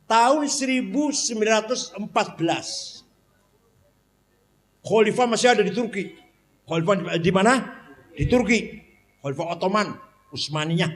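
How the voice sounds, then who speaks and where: Male preacher, high voice, unhurried, animated question-and-answer delivery, recorded in a reverberant mosque hall. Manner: animated, asks the crowd questions and answers them himself. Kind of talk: sermon. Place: large mosque.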